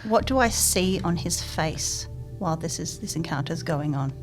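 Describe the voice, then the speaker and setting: Low-voiced, blunt-talking woman player. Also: lively intonation, normal speed, soft background music. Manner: blunt, swearing. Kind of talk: casual tabletop play.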